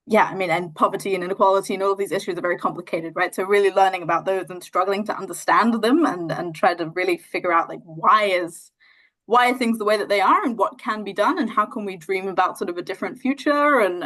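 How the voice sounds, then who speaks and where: The founder of a charity, a young woman from New Zealand, talks through an interview in a relaxed, reflective way with a New Zealand accent. Her fairly low, fairly bright voice is full of fillers and restarts.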